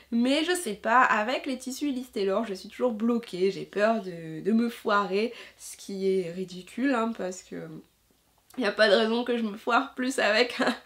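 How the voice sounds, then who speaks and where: A woman with a fairly high voice talks casually as a sewing vlogger. She is chatty and enthusiastic, often pausing on fillers and restarting her sentences. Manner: hesitant, many filler sounds and restarts. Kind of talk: casual chat.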